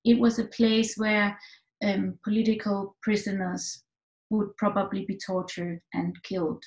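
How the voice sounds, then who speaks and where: The audio is poor and roomy, picked up by a computer mic on a video call in an echoey room at home. A middle-aged Danish woman who directs films answers online film talk questions thoughtfully, restarting often and using fillers. Her mid-range voice has a flat delivery and moves a little slowly.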